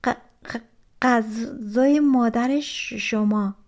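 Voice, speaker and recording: Timid storybook girl, played by a woman, kind and scared; stammers and drags her words, voice pitched higher. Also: a little mellow, close to an everyday voice. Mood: frightened. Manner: stuttering, slow and timid.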